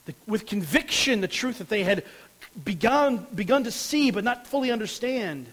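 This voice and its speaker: A man's voice: sits high, expressive, moderate pace, fairly bright tone, poor audio. A man preaching a sermon as a pastor, explaining a passage earnestly and stressing key words.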